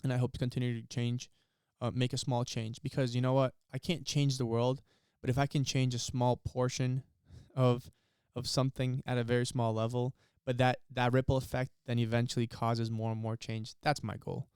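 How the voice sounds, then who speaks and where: A man's voice: mid-range voice, little pitch movement, normal speed, hardly any pauses, darkish tone, clear, resonant tone, no echo, studio quality. A man in his early twenties co-hosting a podcast, talking in an earnest, motivational way. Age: 20s. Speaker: podcast co-host. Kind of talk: casual chat.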